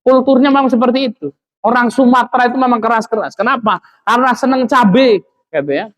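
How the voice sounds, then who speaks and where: High-voiced man preaching. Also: a little fast, rough recording. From Lampung, Indonesia. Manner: conversational, with frequent tag fillers. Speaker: Islamic teacher. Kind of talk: religious study lecture.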